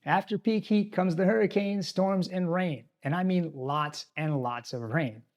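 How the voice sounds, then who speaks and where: Here the expat host's voice is high, slightly slow, and a bit mellow. He records a scripted talking-head explainer on a tropical island, advising his viewers directly about life abroad.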